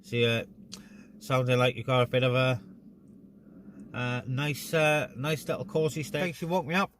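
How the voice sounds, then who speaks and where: Filming outdoors on a busy mountain top, a vlogger and CB radio hobbyist chats over the radio in a casual, matey, joking manner full of playful exaggeration. His voice is medium-pitched and steady at a normal pace. Vehicle and outdoor sounds come through clearly in the recording.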